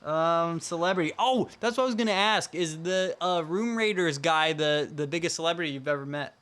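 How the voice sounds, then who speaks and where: A young man with a fairly high voice co-hosts a casual podcast. He rambles from one thought to the next, jokes around and laughs often. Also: a bit bright. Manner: joking, rambling, quick to laugh. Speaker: podcast co-host. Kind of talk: casual chat.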